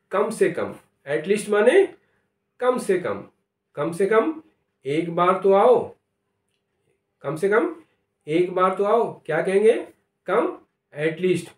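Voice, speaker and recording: A man with an Indian English accent runs a vocabulary lesson, his high voice rising and falling a lot as he repeats each phrase at a very slow pace. He is recorded in an echoey room, a little away from the mic. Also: distant mic. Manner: repeats each phrase slowly, switching between Hindi and English. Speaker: English teacher.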